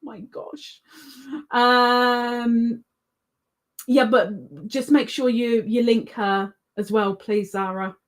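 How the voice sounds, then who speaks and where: A woman's voice: medium pitch, a little slow, few pauses, darkish tone. A woman hosting a crochet livestream, chatting casually and reading viewer comments aloud, rambling with ums and self-corrections.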